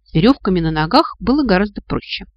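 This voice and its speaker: A man narrating a fantasy storybook in an expressive, lively reading. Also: sits high, fast talker, dry recording, lo-fi sound. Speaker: audiobook reader.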